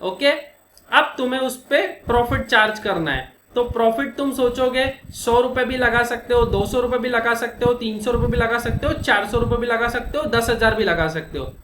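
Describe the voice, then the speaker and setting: A man teaching an accounting lesson, walking through each step with questions to his students and slowing down to dictate formulas. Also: extremely high pitch. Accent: Indian. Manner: explains step by step with rhetorical questions. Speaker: commerce teacher. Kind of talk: classroom lecture. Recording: echoey room, faint noise.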